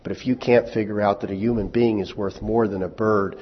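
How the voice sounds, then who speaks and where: A man's voice: fairly low pitch, steady tone, fairly quick, breathy edge. A man preaching a sermon in a conversational way, asking the congregation rhetorical questions and lifting his voice when he quotes scripture. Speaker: pastor. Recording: dull lo-fi audio with long hall reverb.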